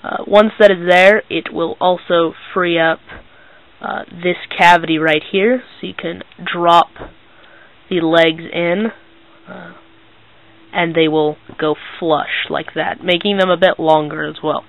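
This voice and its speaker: A teenage boy talks through a casual hands-on review. He goes slowly and hesitantly, in a low-key way, with a dry sound and little room echo. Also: steady tone, vocal fry, a bit bright. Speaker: toy reviewer. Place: small bedroom, indoors.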